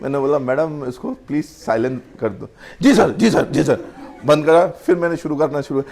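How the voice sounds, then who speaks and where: Animated middle-aged man teaching a class. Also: a little high, moderate pace, gravelly. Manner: animated, mixes Hindi and English, acts out little scenes. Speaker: personality development trainer. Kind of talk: lively classroom lecture with acted examples. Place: classroom or training hall.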